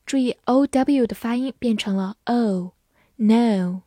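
Woman teaching english words, spells them out letter by letter, very slow pace, dry close sound. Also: a little high, mellow, dry recording. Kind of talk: slow, clear vocabulary lesson.

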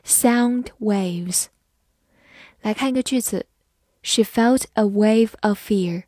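A woman teaching English vocabulary, who spells words letter by letter and reads example sentences slowly. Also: medium pitch, dark tone, no room sound, clean studio sound. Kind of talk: vocabulary lesson.

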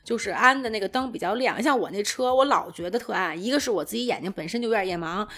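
A woman, co-hosting a podcast in casual chat and telling animated stories. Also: mid-range voice. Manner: animated storytelling, rapid-fire. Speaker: podcast co-host.

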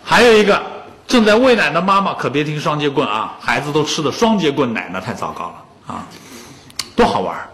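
Lively man telling stories in a lecture. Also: fairly high pitch, brisk. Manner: animated anecdotal storytelling, joking with the audience. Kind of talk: public lecture on music and humanities.

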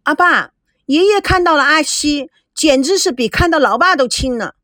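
A woman voicing a tearful, indignant teenage granddaughter who pleads in a high, whiny voice. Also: animated, normal speed, pushed and bright, no echo, studio quality. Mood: pouting.

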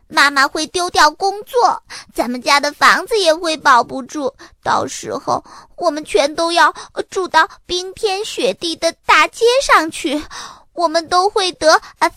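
A bratty little sister, played by a woman reading the story, high and bright, swinging wildly up and down as she piles on exaggerated doom. Her whining is breathless and over the top, recorded close and dry. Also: huge pitch swings, a little slow, hardly any pauses, dry recording, exaggerated voice. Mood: dramatic.

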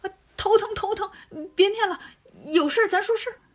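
A woman's voice: high voice, animated, moderate pace, sharp tone. A woman doing a cocky monkey hero. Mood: cheeky.

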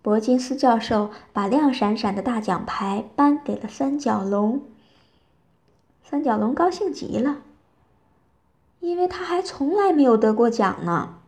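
A woman reading a bedtime story to children, telling it gently and with lively expression. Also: fairly high pitch, a little slow.

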